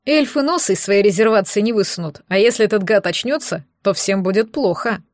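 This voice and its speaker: A woman voicing a blunt, grumbling male werewolf warrior in an audiobook, speaking forcefully. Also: high voice, animated, brisk, no echo, studio quality. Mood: gruff.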